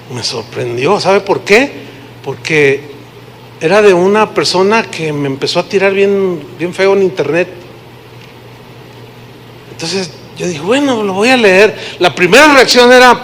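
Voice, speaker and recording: Man, Mexican accent, pastor preaching, slow measured delivery, faint background hum. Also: a bit bright. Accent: Mexican Spanish. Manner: storytelling, acting out quoted dialogue with shifting pitch and volume. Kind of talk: sermon.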